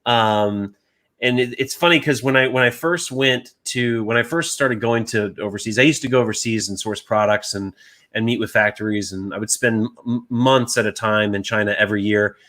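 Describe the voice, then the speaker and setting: A man in his thirties from the US tells stories in a casual chat. He talks animatedly and jumps high in pitch when he acts out what other people said. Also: normal speed, a bit bright.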